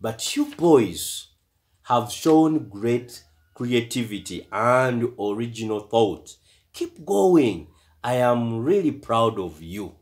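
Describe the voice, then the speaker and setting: A man voicing a gentle, encouraging middle-aged father in a read-aloud story. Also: medium pitch, very animated, slow. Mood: gentle praise.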